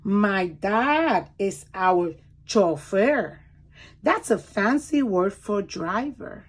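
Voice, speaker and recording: A female teacher with a mid-range voice reads picture books aloud to children, slow, deliberate and expressive. It is an animated read-aloud in which she pauses for commentary asides, pointing out words and pictures and explaining things.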